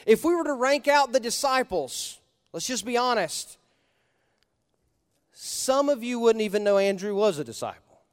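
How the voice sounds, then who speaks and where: A male pastor preaching a sermon in a conversational style, asking the congregation questions and punching key words with sudden loud emphasis. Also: extremely high pitch, expressive, moderate pace, pauses often, in a large hall.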